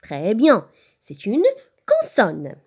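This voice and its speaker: A woman with a Moroccan French accent teaching a recorded lesson to young children, slow and sing-song, spelling letters one by one. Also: mid-range voice, wildly swooping pitch, breathy edge, dull audio. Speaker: preschool teacher.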